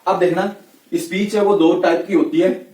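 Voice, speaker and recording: Speaking at normal speed with a high, dark-toned voice and fairly even intonation, this Rajasthani-accented man gives a relaxed English grammar lesson. His chatty delivery is peppered with "ठीक है, है ना" and "okay, right?" check-ins. Echo fills the room, and his voice sits somewhat distant from the microphone.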